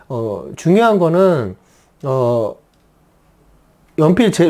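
A chatty art teacher walks through a drawing lesson, leaning on everyday examples and rhetorical questions. The voice is warm and mellow, and its pitch rises and falls a lot. The teacher keeps asking the listener to agree.

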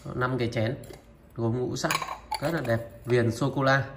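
A man presenting used Japanese goods for sale, item by item, in a steady and repetitive way. He talks to viewers familiarly and fills his pauses with filler sounds. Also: mid-range voice, heavy background noise. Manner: steady, repetitive, opens nearly every line with a pointing word. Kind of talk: product showcase sales talk.

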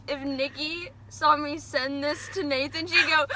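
A woman's voice: high-pitched, very noisy. A teenage girl joking around with her friend on a phone vlog, silly and playful. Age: teens. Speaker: friend of the vlogger. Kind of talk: casual chat. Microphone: friend's phone camera.

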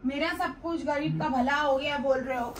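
A woman's voice: sits high, steady tone, moderate pace, a crowd in the background. A woman complaining to her viewers about a stolen carpet and pressing her husband, in a casual home vlog. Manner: complaining, insistent, addresses viewers. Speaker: vlogger.

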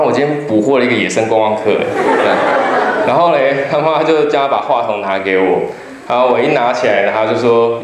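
This medium-pitched man, in his thirties and from Kaohsiung, Taiwan, speaks with a Taiwanese Mandarin accent as a public lecturer and travel writer. He gives a humorous slide presentation, telling stories chattily and joking with listeners. The lecture hall sounds roomy, with faint noise in the background.

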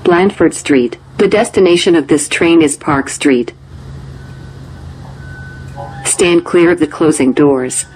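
A woman giving recorded onboard train announcements in a clear, formal way. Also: deep voice, unhurried, background noise. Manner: clear, formal, evenly spaced phrases. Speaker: transit announcer. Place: on board a subway train.

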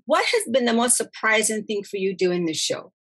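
A woman's voice: fairly high pitch, big pitch swings, moderate pace, fairly bright tone, husky. A woman interviewer asking questions in a casual chat, full of enthusiastic praise.

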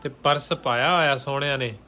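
A man's voice: mid-range voice, fairly quick, sharp tone. A man with a Punjabi accent and a cold, chatting casually as a family vlogger in a teasing, questioning manner. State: has a cold. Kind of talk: casual chat to camera and to a child.

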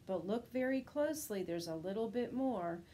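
A woman's voice: medium pitch, moderate pace, slight background noise, poor audio. A woman teacher reading a rhyming children's picture book aloud, lifting her voice for the characters. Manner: expressive rhyming storytelling, lifts her voice for quoted characters.

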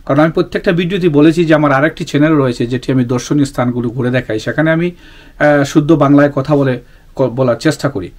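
A man from the Sylhet region of Bangladesh hosting his own channel, talking earnestly to viewers in a casual monologue, pausing often with fillers and restarting his sentences. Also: on the high side, a little mellow. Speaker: YouTube channel host.

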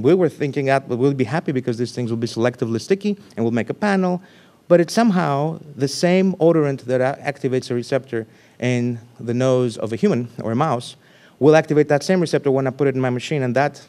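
A man giving a scientific talk at a conference in a lecture room, speaking loosely with restarts and sudden animated bursts of emphasis. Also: medium pitch.

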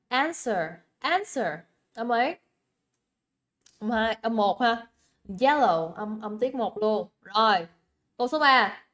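On a livestream, a young woman with a Vietnamese accent reviews material for an English exam. Her voice is on the high side with a fairly bright tone, and she's chatty and coaxing, repeating words and checking that students keep up.

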